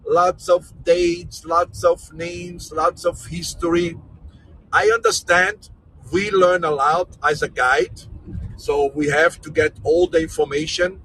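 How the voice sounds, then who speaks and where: Poor audio and the sound of the vehicle accompany this jokey, energetic guide as he runs a live virtual tour and talks casually with viewers. A man from Brazil who grew up in Austria, he speaks non-native English in a high-pitched, bright voice.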